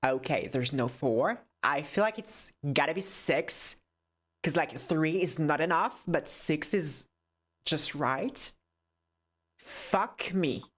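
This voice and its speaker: Low, slow woman muttering through a quiz. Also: expressive. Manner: mutters to herself, swears, switches between French and English. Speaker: content creator. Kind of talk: casual quiz play, thinking aloud.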